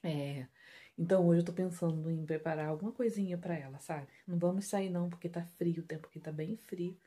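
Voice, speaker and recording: A Brazilian woman talking softly and quietly to viewers in a casual home vlog, filmed on a phone indoors. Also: fairly low pitch, fairly quick. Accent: Brazilian Portuguese. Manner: speaking softly and hushed, chatty asides to viewers. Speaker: home vlogger. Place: indoors at home, bedroom and bathroom.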